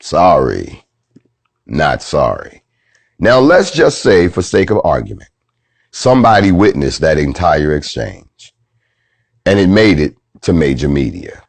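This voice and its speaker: A man hosting a show, telling a profane story as a preachy, animated monologue. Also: rumbling low, a little slow, vocal fry, pauses often, no echo. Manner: animated, preachy, swears freely. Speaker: host.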